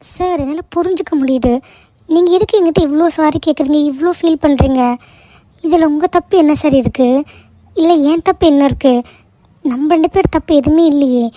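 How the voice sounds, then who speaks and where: Gentle young office worker, voiced by a woman, cartoon: high voice, soothing and patient. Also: brisk, dry recording, natural voice. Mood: reassuring. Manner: soothing, patient, warmly persuasive. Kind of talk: cartoon voice acting.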